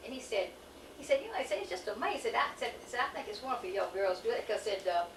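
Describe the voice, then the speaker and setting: Fast-talking woman in her sixties, echoey. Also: fairly high pitch, animated, background noise. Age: 60s. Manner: fast storyteller, keeps quoting what others said. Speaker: family member chatting with her sisters. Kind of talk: casual home-video chat. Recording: echoey, distant home camcorder recording.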